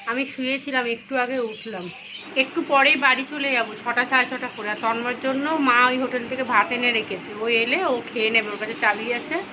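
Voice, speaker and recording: A woman, hoarse from a cold, chatting casually and tiredly through a daily vlog. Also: on the high side, fairly even intonation, a little fast, noisy background. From India. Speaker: vlogger.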